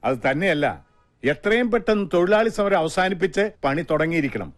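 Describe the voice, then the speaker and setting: A middle-aged actor playing a stern company boss who speaks in a curt, commanding way. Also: male voice, sits high, expressive, brisk, crowd noise.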